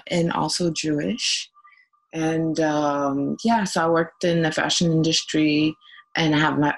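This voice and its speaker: A woman from Belgium with a notably low voice. She speaks as a podcast guest in casual conversation, searching for words with frequent pauses and fillers. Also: poor audio. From Brussels, Belgium.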